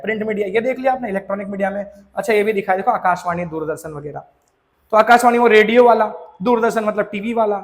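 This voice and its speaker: A man's voice: high-pitched, long reverb tail. A man teaching a school social science lesson, explaining in a chatty, informal way and mixing in English terms. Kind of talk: classroom lecture.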